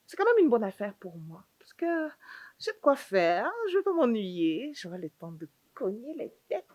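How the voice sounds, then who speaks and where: A woman's voice: a little high, very animated, moderate pace, darkish tone, no room sound. A young woman playing a sassy, scheming younger aunt in a sitcom, needling everyone with rhetorical questions and repeated "hein". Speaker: sitcom actress. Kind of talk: comedic sitcom acting.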